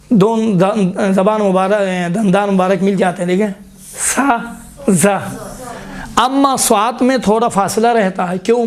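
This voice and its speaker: A man's voice: high-pitched, a little mellow. A man teaching a Quran recitation lesson in a classroom, explaining how letters are formed and repeatedly sounding them out as examples. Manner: repeatedly demonstrates letter sounds aloud, prompting "look".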